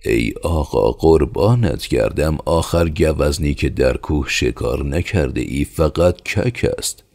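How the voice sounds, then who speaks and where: Man playing a calm, stubborn peasant. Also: a bass voice, creaky, slightly rough, full character voice. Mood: dry calm. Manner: slow, calm, wary. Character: calm, stubborn male peasant, guarded and dry.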